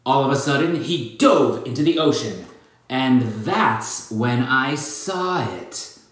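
Children's author reading aloud: playful asides, unhurried, lively swings in pitch. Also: male voice. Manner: playful, animated storytelling with asides. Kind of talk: picture book read-aloud. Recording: very echoey room.

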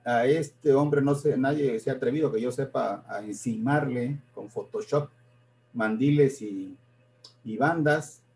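A man giving a live-streamed history lecture, pausing often, repeating words and correcting himself as he goes. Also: mid-range voice, mellow. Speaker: history presenter.

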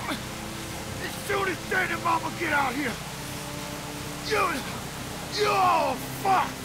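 Enraged, very high-pitched game villain. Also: male voice, slow, very noisy. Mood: enraged, taunting. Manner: aggressive, swearing, taunting. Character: enraged, taunting young man, beaten but defiant. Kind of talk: dramatic video game acting.

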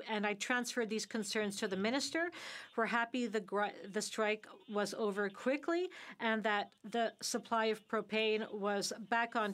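A woman interpreting live into English in parliament, halting and correcting herself with fillers as she goes. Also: on the high side, a bit bright. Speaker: simultaneous interpreter.

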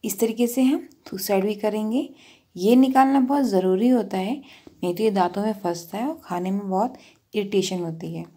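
A woman's voice: mid-range voice, moderate pace, dark tone, husky. A woman hosting a cooking channel, patiently talking through each step of a recipe in a voice-over with practical tips.

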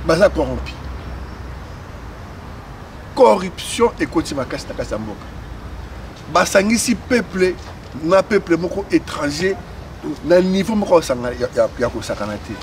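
A man giving impassioned outdoor political commentary, repeating himself and mixing French into his talk. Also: high-pitched. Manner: impassioned, repetitive, switches between Lingala and French. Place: outdoors on a city street. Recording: distant mic outdoors with faint noise.

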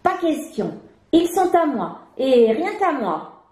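A woman's voice: sits high, very animated, unhurried, pitched above the performer's own voice. A woman voicing a grumpy, quarrelsome little female ladybug in a storybook reading, rude and boastful. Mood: grumpy, defiant. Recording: roomy with background music.

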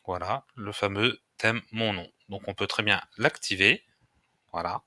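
A man hosting a screen-recorded software tutorial, talking hesitantly with frequent filler pauses. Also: lowish voice, dry recording, studio quality. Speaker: tutorial host.

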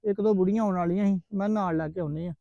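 A chatty, plain-spoken man with a high but mellow voice. The sound is dry and a little dull, like a lo-fi recording. He talks in an easygoing way. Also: steady tone, fast, creaky, dry recording. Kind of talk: casual Punjabi family vlog acting.

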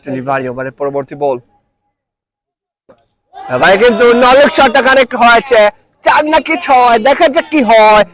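A man with a Bangladeshi accent doing frantic, excited cricket commentary, stretching out English catchphrases. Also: very high-pitched, normal speed, pauses often. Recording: loud crowd noise behind. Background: crowd at an outdoor cricket ground.

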